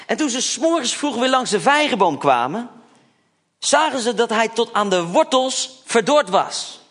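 Lively, high-voiced male preacher. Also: normal speed. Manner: lively storytelling, acting out the disciples; chatty asides to the congregation. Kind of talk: sermon.

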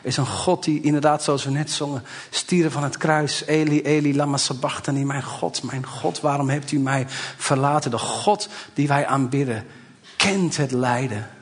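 A man's voice: on the high side, moderate pace. A man in his forties, a pastor, preaching a sermon in a church, speaking conversationally and building to emphatic exhortation. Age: 40s.

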